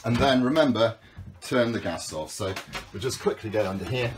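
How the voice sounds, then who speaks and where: Speaking at normal speed and medium pitch, a skipper in his fifties shows viewers around a small sailing yacht, outside first and then inside the cabin. The friendly, practical demonstration is captured on a handheld phone, with slight background noise.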